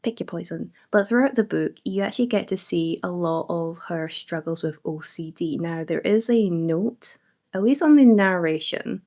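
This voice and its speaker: Young woman, book vlogger, chatty and bubbly, voice a touch lower than most. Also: moderate pace, a little mellow. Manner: chatty and enthusiastic, lots of fillers. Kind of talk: casual book review chat.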